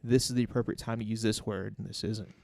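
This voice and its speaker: A man's voice: lowish voice, steady tone, quick pace, creaky, darkish tone, dry recording. A man co-hosting a casual podcast, explaining himself earnestly and carefully, with many fillers and restarts. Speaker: podcast co-host.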